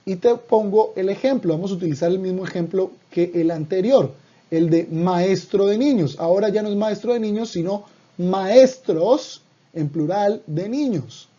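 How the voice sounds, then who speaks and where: A man's voice: high-pitched, mellow, muffled recording. A man teaching a Hebrew grammar lesson, patiently repeating and spelling out each example for the viewer.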